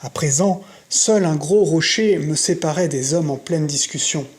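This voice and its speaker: A reader narrating a novel in an audiobook with steady, measured storytelling. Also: mid-range voice. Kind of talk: scripted narration.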